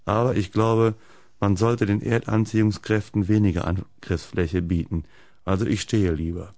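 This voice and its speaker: A man hosting a radio show, reading humorous texts aloud in a deadpan way into a studio microphone. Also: on the low side, moderate pace, no echo. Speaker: radio host.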